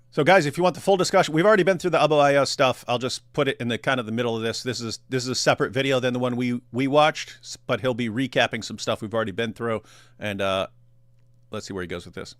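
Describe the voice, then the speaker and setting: A man's voice: medium pitch, a bit bright, no room sound, clean studio sound. A man hosting a casual reaction commentary, rambling with restarts and laughs as he talks over video clips. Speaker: commentary show host.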